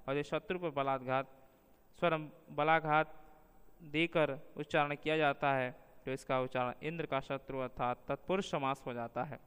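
Guy reading out a grammar lesson, really smooth clear voice, long echo trailing off. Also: mid-range voice, a bit bright. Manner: measured, slows down to spell out example words. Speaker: teacher. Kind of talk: reading a linguistics lesson aloud.

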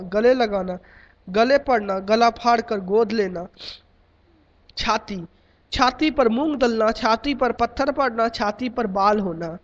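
A man reading out a long list of idioms in a steady, list-like cadence, like a lesson. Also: high-pitched. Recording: dull lo-fi recording.

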